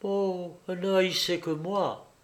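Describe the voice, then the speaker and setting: A devoted young woman in a storybook speaks with earnest feeling , as a man reading puts her on. Her lines come slowly in a slightly raised voice. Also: high-pitched, steady tone, pitched above the performer's own voice.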